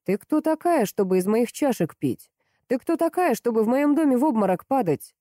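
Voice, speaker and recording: A woman reading an audiobook, voicing an angry, gruff rich man who growls orders. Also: lowish voice, moderate pace, warm tone, no echo, clean studio sound, lightly acted. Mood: furious. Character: angry blunt rich man, domineering boss.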